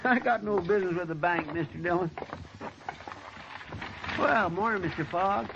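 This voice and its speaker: Chatty simple country deputy, rural american accent, kinda high voice, hissy old radio. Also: male voice, moderate pace. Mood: chatty, naive. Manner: folksy, rambling. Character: folksy, simple, chatty deputy sidekick of the marshal. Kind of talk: 1950s radio western acting. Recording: dull, noisy old radio broadcast.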